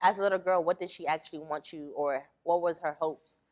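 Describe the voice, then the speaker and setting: A young adult woman hosting an interview show, chatty and animated, often restarting her sentences. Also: deep voice, fairly quick. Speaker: host.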